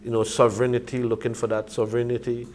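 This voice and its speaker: A man's voice: medium pitch, monotone, brisk, a little mellow. A man with a Caribbean accent speaking in a Rastafarian manner, making emphatic points in conversational reasoning. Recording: clearly noisy ambient background.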